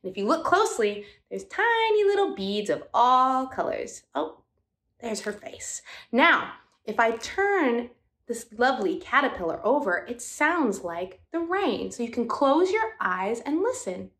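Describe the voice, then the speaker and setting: A woman's voice: fairly high pitch, very animated, a little slow, fairly bright tone. A woman teaching a music class for young children, talking in a cheerful, sing-song way and coaxing the kids to join in.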